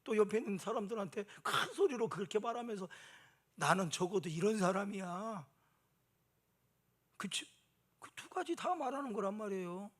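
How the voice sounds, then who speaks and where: High-voiced man preaching conversationally. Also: expressive, fast talker. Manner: conversational, asks the congregation questions. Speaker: pastor. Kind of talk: sermon.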